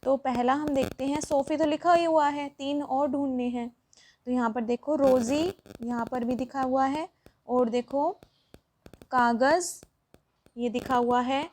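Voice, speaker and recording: A woman's voice: high voice, steady tone, a little slow, darkish tone. A woman teacher explaining a worksheet lesson to children, patient and step by step.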